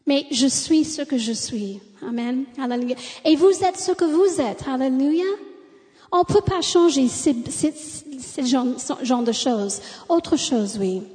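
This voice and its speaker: A woman's voice: high-pitched, lively intonation, a little slow, warm tone. A woman preacher with an American accent in French, a native English speaker, delivering a sermon punctuated with amens and hallelujahs. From United States. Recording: long hall reverb.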